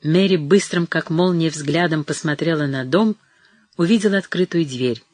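An audiobook narrator giving steady, measured scripted reading of a novel. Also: medium pitch, no echo.

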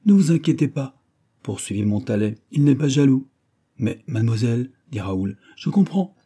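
A man voicing a lively, mocking young lady-in-waiting in an audiobook reading of a classic novel. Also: medium pitch, moderate pace, slightly rough. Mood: playful. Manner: mocking, playful.

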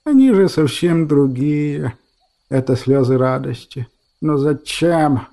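A man voicing an emotional old woman, gruff by reputation but soft and tender, speaking quietly and fondly. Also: on the high side, takes it slowly. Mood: tearful. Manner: soft, tearful, fond.

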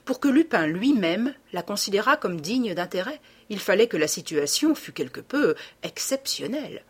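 Husky woman narrating an audiobook. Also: mid-range voice. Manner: measured, expressive storytelling. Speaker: audiobook reader.

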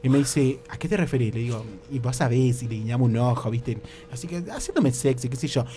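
A man's voice: mid-range voice, brisk, mellow. A man with an Argentine accent telling a comic story on the radio, jumping into exaggerated voices and constantly asking "¿viste?". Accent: Rioplatense Argentine Spanish. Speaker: radio comedy host.

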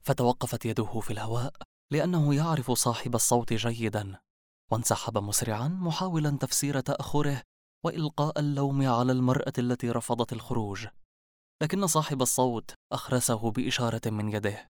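Brief: male audiobook narrator, mid-pitched, even storytelling, dry recording. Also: brisk, no room sound. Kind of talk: scripted narration.

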